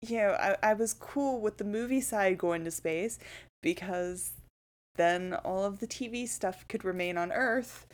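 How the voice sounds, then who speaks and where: Animated woman co-hosting a podcast. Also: medium pitch, a little slow. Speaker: podcast co-host. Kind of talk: casual podcast chat.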